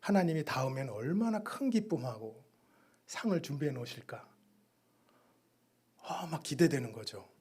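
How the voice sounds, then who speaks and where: Man missionary preaching at church, kinda husky voice, storytelling, goes loud then quiet. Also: mid-range voice, moderate pace, pauses often. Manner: storytelling, animated with sudden loud and soft turns. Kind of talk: sermon testimony.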